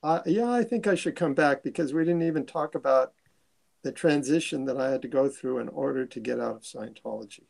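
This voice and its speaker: A man's voice: medium pitch, brisk, vocal fry, darkish tone, poor audio. An older man talking as a guest on an interview show, earnest and stumbling over his sentence starts. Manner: earnest, repeats words when starting sentences. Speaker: guest, musician. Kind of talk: casual interview chat.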